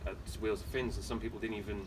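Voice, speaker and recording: A man's voice: lowish voice, flat delivery, quick pace. A man from Wales, a professional BMX rider talking casually in a podcast interview, rambling with many fillers and restarts. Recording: distant mic with clear background noise.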